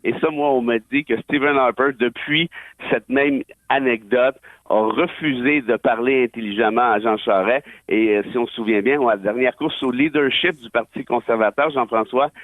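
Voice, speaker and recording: A man's voice: mid-range voice, normal speed, dry recording. A man with a Québécois accent giving emphatic, opinionated radio commentary with wry asides. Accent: Québécois French. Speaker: political and legal commentator. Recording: tinny dry phone line.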